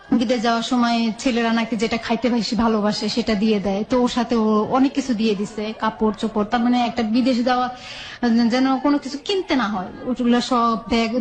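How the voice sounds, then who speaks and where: Speaking in a fairly high voice, a woman with a Bangladeshi accent recounts her life in a casual, chatty manner. She frequently acts out back-and-forth exchanges as she goes.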